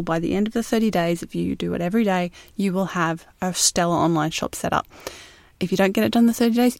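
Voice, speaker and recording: A woman's voice: lowish voice, gravelly, a little mellow, no room sound. An Australian woman hosting a podcast in casual solo talk, recorded inside a closet. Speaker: podcast host.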